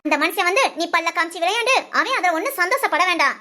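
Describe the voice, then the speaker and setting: A woman's voice: very high-pitched, animated, quick pace, bright, forceful tone, exaggerated voice. Woman playing a bitter, nagging young mother. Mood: scolding. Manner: nagging, cutting scolds. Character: bitter young mother, sharp-tongued and scolding. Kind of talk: storybook short drama.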